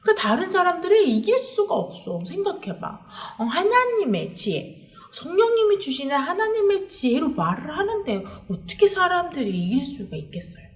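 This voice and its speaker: A woman giving a children's sermon as a children's pastor, animated and asking the children questions as she tells the story. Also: very high voice, normal speed.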